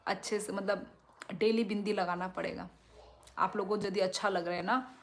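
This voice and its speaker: Woman livestream host, strong loud voice, slow and chatty, middle pitch, phone mic. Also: slight background noise. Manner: chatty, thanks viewers and asks for likes. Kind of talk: casual livestream chat reading viewer comments.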